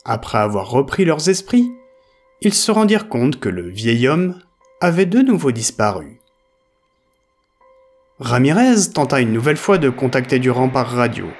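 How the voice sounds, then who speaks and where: A man's voice: medium pitch, big pitch swings, normal speed, soft background music. A man narrating a scripted audio story in a dramatic storytelling manner.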